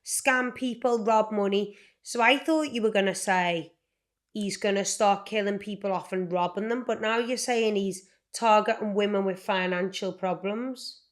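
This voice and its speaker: Woman, podcast co-host, mid pitch, blunt casual reactions. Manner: blunt, swears, quick reactions.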